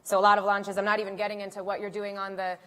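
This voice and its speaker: A woman's voice: medium pitch, completely flat delivery, racing, pushed and bright. A young woman moderating a stage interview in an upbeat, chatty way. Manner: chatty, upbeat, many fillers and restarts.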